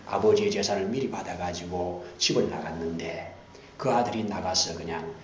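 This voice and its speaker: A man pastor preaching a sermon, swinging from hushed whispers to loud emphatic lines and repeating key phrases for emphasis. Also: low voice, normal speed. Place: church sanctuary. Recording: dull roomy church recording with faint hiss.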